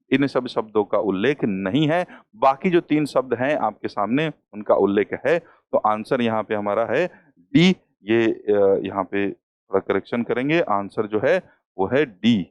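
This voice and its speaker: A man's voice: medium pitch, dry recording. A man teaching an exam-prep class, working through questions step by step and repeating the key terms. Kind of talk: lecture solving exam questions.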